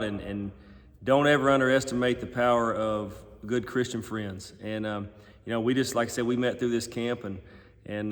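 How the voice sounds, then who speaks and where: A man hosts a casual chat at a middle pitch. He speaks in a halting, folksy manner, and his words ring with long echo inside a barn. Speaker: host.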